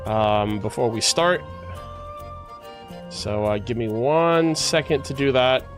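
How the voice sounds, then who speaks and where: Music plays in the background as this male streamer, the host, talks slowly in a medium-pitched voice. It's casual livestream chatter, with him rambling and working through his thoughts out loud for viewers.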